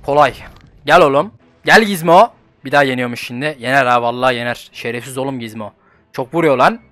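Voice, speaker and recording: A young man giving casual gameplay commentary as a channel host, excitable and swearing, swinging from low muttering to shouts. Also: brisk, dry recording, soft background music.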